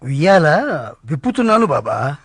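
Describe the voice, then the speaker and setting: Devoted disciple, obliging, high-pitched, dry sound. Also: male voice, very animated, a bit bright, husky, no room sound, heavily acted. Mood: eager. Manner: obliging, quick to agree. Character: eager, devoted male disciple. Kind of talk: devotional drama dialogue.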